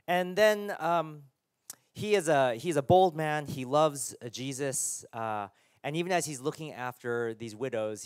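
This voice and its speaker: A man, the church's pastor, preaching a sermon in a casual, halting way with many fillers and restarts. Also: medium pitch, dry recording, studio quality.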